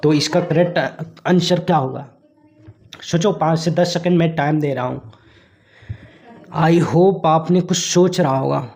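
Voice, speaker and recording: Guy going over exam questions real slow, throat a bit sore, talks in a fairly high voice. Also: vocal fry, darkish tone. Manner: mixes English terms into explanations, asks viewers to think. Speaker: teacher. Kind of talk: exam revision lecture.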